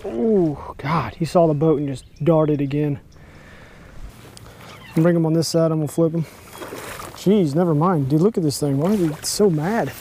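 Excitable young man out fishing. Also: on the high side, measured pace, pauses often, a little hiss or hum. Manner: excitable, chatty, lots of exclamations. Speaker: fishing vlogger. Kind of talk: casual outdoor chat while fishing. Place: outdoors on a bass boat on a lake. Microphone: action camera mounted on the boat.

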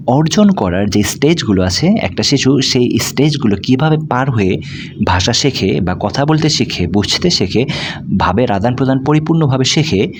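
A man's voice: medium pitch, a little hiss or hum. A man teaching an explanatory video lesson, patiently walking through points, mixing in English terms and asking rhetorical questions.

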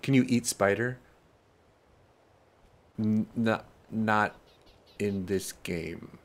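A man with a lowish voice, speaking extremely slowly, hosts a let's play with casual gameplay commentary. He rambles, pokes fun at himself, and talks back to the characters on screen.

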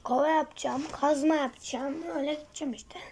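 High-voiced woman muttering over gameplay. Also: steady tone, fast talker, a little mellow, a little hiss or hum. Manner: mutters to herself, often drops to a whisper. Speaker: gaming streamer. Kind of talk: casual gameplay commentary.

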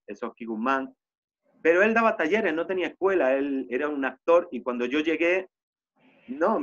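A man's voice: mid-range voice, fairly bright tone. A man teaching an online storytelling class, telling a story theatrically and asking rhetorical questions. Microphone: video call. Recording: muffled video-call audio.

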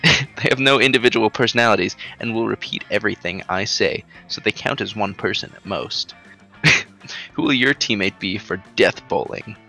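A man with a low, creaky voice and a forceful edge plays a party game with friends. He reads the on-screen text aloud in a jokey, hammy way, with music behind him. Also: normal speed. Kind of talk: casual group let's play, reading dialogue aloud.

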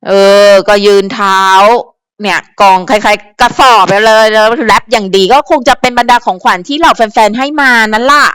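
A woman hosts a casual celebrity commentary channel and gives viewers advice in a loose, chatty ramble full of fillers. Her voice is smooth and crisp and sits a bit high. The recording is close and dry. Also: normal speed, a bit bright, no room sound. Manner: chatty, frequent fillers and repetitions; advisory, talks directly to viewers.

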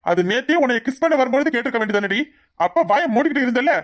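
A man's voice: extremely high pitch, expressive, quick pace, no echo, studio quality. A man voicing a young cartoon husband, hot-tempered, brooding over his feelings and possessive.

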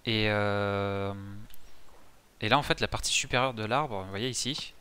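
A gaming YouTuber gives casual commentary while playing a survival game, explaining its crafting. His lowish voice is clear, resonant and sharp in tone, and he talks unhurriedly and chattily, with many fillers and restarts and English game terms mixed in.

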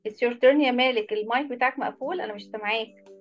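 A woman's voice: a little high, racing, muffled recording, soft background music. A woman with an Egyptian Arabic accent teaching an English class online, patiently explaining and praising each pupil by name. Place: online video lesson.

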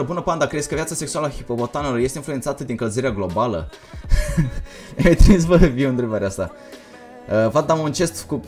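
A young man livestreaming a game, talking fast and energetically while reading out chat messages. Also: mid-range voice. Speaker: gaming livestreamer. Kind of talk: casual livestream commentary.

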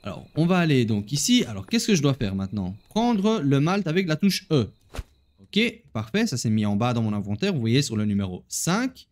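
A man's voice: medium pitch, sing-song, normal speed, a little mellow. A man hosting a gaming video, chatting casually to viewers as he plays and laughing at himself. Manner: chatty, talks straight to viewers while playing. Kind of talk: casual gameplay commentary.

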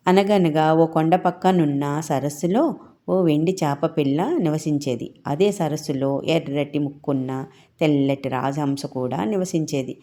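A woman telling a children's story, gently addressing small children as their storyteller. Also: deep voice.

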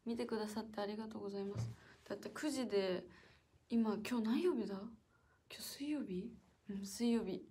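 A young woman hosting a casual solo livestream. She is chatty and playful, reads out viewer comments, laughs often and sometimes drops to a soft whisper. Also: fairly high pitch, brisk, breathy edge. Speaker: idol livestream host. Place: indoor room with a piano.

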